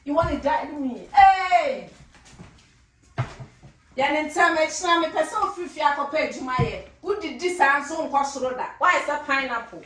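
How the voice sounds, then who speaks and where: A woman with a Ghanaian accent in a comedy skit, scolding and bossing someone around with loud insults. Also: high-pitched, brisk, few pauses. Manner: scolding, bossy, shouting insults. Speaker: sister-in-law in a comedy skit. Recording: roomy, distant, slight noise.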